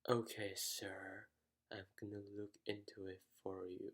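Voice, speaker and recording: A man voicing a very slow-talking male bank service agent with flat speech. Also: lowish voice. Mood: unhurried.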